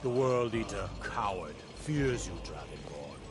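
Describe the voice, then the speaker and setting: An actor playing a stern warrior spirit in a video game, declaiming in archaic phrases. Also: male voice, sits low, sing-song, unhurried, background noise, exaggerated voice. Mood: rousing. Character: stern male warrior spirit of a heroic hall. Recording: game audio under loud music.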